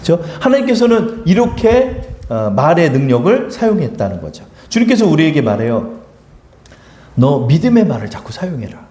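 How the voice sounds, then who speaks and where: A man's voice: a little high, moderate pace. A middle-aged man preaching a sermon as pastor, telling stories and acting out the people he quotes. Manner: animated storytelling, acting out quoted voices. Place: church sanctuary. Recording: echoey church room.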